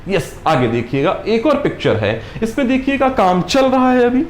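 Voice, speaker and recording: A man giving a grammar lesson, repeating his points, calling viewers friends and reading English example sentences slowly. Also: very high voice, huge pitch swings, slight background noise. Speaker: English teacher. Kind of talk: classroom-style grammar lesson. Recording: echoey room.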